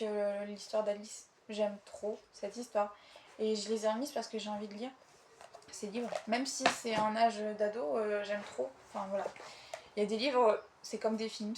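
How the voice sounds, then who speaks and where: Young woman, chatty, eager, hesitant fillers, slightly high voice, faint hiss. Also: darkish tone. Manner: chatty, enthusiastic, with frequent hesitations. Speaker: book vlogger. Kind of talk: casual chat.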